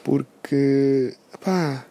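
Young dude ranting on his podcast, sarcastic and sweary, kinda husky voice. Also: mid-range voice, very slow. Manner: sarcastic, profane, animated ranting. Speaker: podcast host. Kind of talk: casual ranting monologue.

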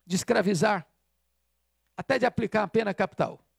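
A man's voice: high voice, brisk, creaky, husky, dry recording, studio quality. A man preaching a sermon as pastor, emphatic and repeating key phrases for weight.

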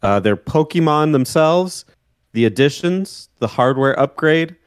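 A man co-hosting a casual gaming podcast, relaxed and explaining things while laughing along. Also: on the high side, unhurried, clear, resonant tone, no room sound, studio quality. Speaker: podcast co-host. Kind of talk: casual chat.

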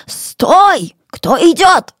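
A woman's voice: mid-range voice, lively intonation, a little slow, no echo, clean studio sound, natural voice. A woman voicing a bold village boy who bosses people around while pretending to be a demon. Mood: commanding. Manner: commanding, gruff.

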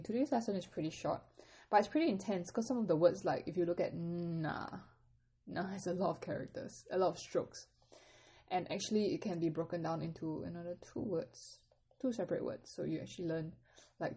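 A woman's voice: lowish voice, dark tone, breathy edge. Patient woman teaching phrases. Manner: patient, explains slowly, models phrases with careful staccato tones. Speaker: Mandarin teacher. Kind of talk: podcast language lesson.

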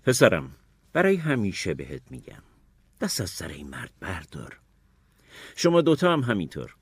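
A man voicing Atticus, a calm but stern lawyer father who scolds his children firmly in a Persian audiobook drama. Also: low-pitched, husky, no room sound, exaggerated voice. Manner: firm, measured, scolding.

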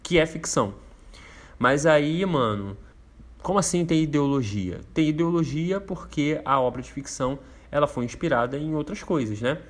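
A man's voice: a little high, normal speed. A man with a Brazilian Portuguese accent hosting a casual explainer, laid-back and slangy, rambling with fillers. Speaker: host explaining a topic.

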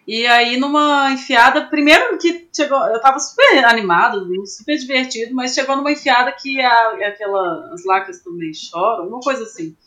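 A young woman from Brazil telling an animated story in a casual interview, laughing often and acting out what people said. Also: a little high, normal speed, few pauses. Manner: animated, laughs often, acts out quoted voices. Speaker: climber guest.

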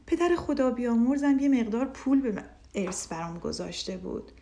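A woman's voice: on the high side, lively intonation, vocal fry, warm tone. A woman narrator voicing a cheerful, generous young village man in a children's story, reassuring in tone.

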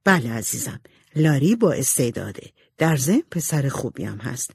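A woman voicing a kind, calm middle-aged mother in an audiobook. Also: a bass voice, vocal fry, husky, dry recording, full character voice. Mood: reassuring. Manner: calm and reassuring.

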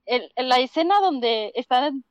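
Mexican woman with a high voice, slangy, ranting and exasperated. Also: animated, a little slow, smooth, no echo, lo-fi sound. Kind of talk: casual chat among friends.

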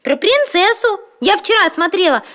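A woman's voice: very high-pitched, animated, normal speed, fairly bright tone, big-room sound. A woman playing a curious, chatty little girl who dreams of being a princess. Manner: eager, chatty, questioning.

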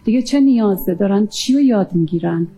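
A woman recounting a near-death experience in an earnest, halting way, often pausing with fillers. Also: mid-range voice, expressive, warm tone, husky. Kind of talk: emotional personal testimony.

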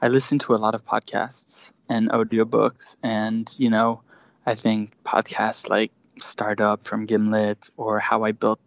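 A man's voice: lowish voice, creaky, no echo. A man in his thirties from Switzerland, a startup founder talking as a guest on a remote call, hesitant, with many fillers and restarts. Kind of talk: casual interview. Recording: dry, dull lo-fi remote audio.

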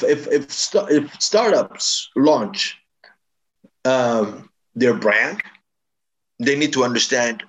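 Male interview guest, branding expert, mid-pitched, emphatic and advising, restarts often. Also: rough recording. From East Africa. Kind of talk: explanatory interview talk.

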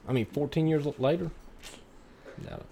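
A man's voice: fairly high pitch, huge pitch swings, moderate pace, vocal fry, warm tone, a little hiss or hum. Laid-back man on a podcast. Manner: laid-back, questioning, casual swearing. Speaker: podcast co-host. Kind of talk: casual chat.

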